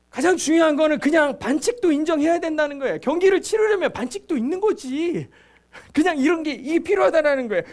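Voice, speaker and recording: A middle-aged male pastor with a strikingly high voice delivers his sermon. He talks to the congregation in a casual, chatty way. He often repeats his points for emphasis. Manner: lively storytelling, acting out quotes; conversational, emphatic repetition.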